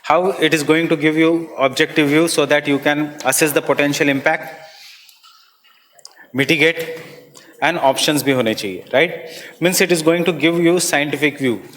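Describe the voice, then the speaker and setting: A man's voice: on the high side, fairly bright tone, long reverb tail, slight background noise. Indian man dictating lecture notes. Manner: dictates slowly, repeating phrases for note-taking. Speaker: exam coaching teacher. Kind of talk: classroom lecture mixing Hindi and English.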